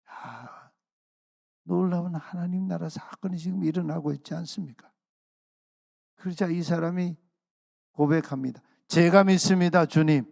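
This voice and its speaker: Male pastor, sermon voice, gravelly, dry close sound, earnest with slowed emphasis. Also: on the high side, mellow, no echo. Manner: earnest preaching, slows and stresses key phrases. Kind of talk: sermon at a dawn prayer service. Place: church sanctuary.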